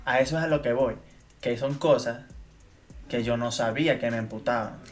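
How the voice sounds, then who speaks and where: A young man co-hosting a casual podcast. He rants emphatically and repeats himself for effect, at an ordinary pitch. Faint music plays behind him. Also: normal speed. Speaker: podcast co-host. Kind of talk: casual chat.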